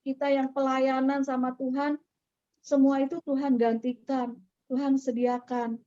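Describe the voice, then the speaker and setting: This is a middle-aged woman with a dark-toned voice on the high side, telling a church audience her personal testimony. She narrates casually, giving voice to the dialogue she recalls, on a dry, slightly dull recording.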